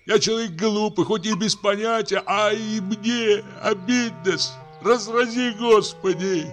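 A man voicing a meek, lame peasant poacher, pleading in a trembling, reedy falsetto. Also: measured pace, soft background music. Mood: agitated. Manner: humble, rambling, pleading.

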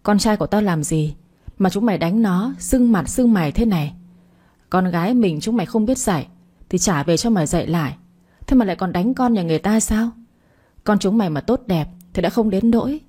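A woman voicing a quarrelsome older mother-in-law who yells abuse and accusations from the gate, in storytelling narration. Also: mid-range voice, lively intonation, fairly quick, lightly acted. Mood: screeching.

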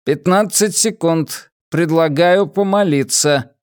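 A man reading an audiobook voices a starship computer, with a metallic, flat and clipped delivery. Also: on the high side, takes it slowly, clear, resonant tone, dry recording, clean studio sound, pitched above the performer's own voice. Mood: announcing.

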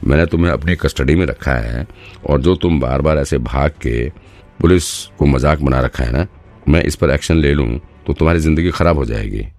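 A man voicing a hot-tempered male police detective who shouts and scolds. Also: a bass voice, moderate pace. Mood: stern threatening.

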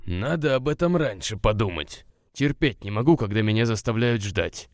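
A man's voice: on the low side, expressive, moderate pace, no echo. Man playing a curt, irritable young man. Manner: dry, curt, grumbling.

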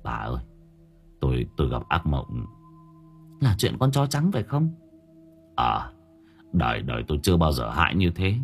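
A man's voice: mid-range voice, sing-song, normal speed, pushed and bright, breathy edge, soft background music, full character voice. A man voicing a panicked, stammering rural landlord. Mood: shaken, low. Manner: stammering, screams in panic, barks orders. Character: terrified wealthy rural landlord, middle-aged man.

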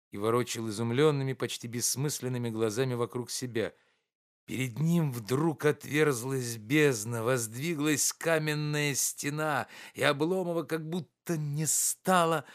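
Male audiobook narrator, measured, expressive literary reading. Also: fairly high pitch. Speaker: audiobook reader.

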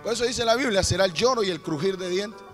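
A man preaching a sermon with fervent, rhythmic delivery that bursts into shouts. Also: sits high, fast, faint music behind.

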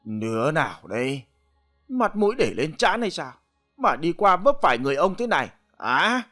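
Guy doing a slurry grumpy drunk, whiny and lively in pitch. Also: moderate pace, faint music behind, exaggerated voice. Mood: surly. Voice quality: slurred, whining. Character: drunk, slurring poor old husband.

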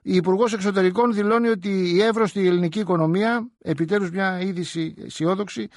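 A man hosts a satirical radio show, his voice sitting high and heard dry and close. He talks in a sarcastic, mocking way, teasing the voices he pretends to interview. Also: fairly even intonation, dry recording. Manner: sarcastic, mock-interviewing archive clips.

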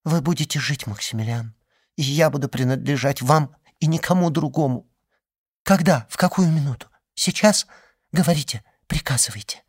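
A man's voice: fairly high pitch, normal speed, breathy edge, no room sound, studio quality. A man reading an audiobook and voicing a devoted young woman, pleading in an impassioned, trembling way.

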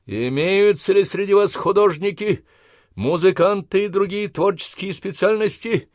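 A man's voice: on the high side, sing-song, a little slow, no room sound, clean studio sound, voice pushed up, heavily acted. A man voicing a harsh, scornful army drill sergeant who barks crude commands at recruits. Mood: gruff, scornful. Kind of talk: audiobook character voice.

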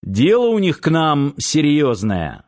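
A man reading an audiobook, voicing a gruff, caring grey-bearded grandfather who grumbles unhurriedly. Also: a little high, huge pitch swings, measured pace, a little mellow, voice pushed up. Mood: grumbling.

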